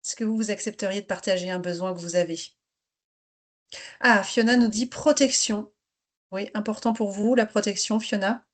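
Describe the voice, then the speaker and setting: A woman's voice: mid-range voice, fairly even intonation, moderate pace. A woman leading an interactive online workshop for teachers, encouraging participants to share, speaking over a video call. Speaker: teacher trainer leading a webinar.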